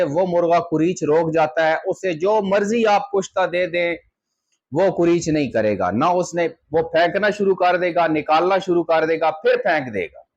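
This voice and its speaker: A man's voice: a little high, lo-fi sound. A man from Pakistan, hosting a poultry channel and talking casually to camera, explaining step by step and checking in with his listeners often. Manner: conversational, explaining step by step with frequent check-ins.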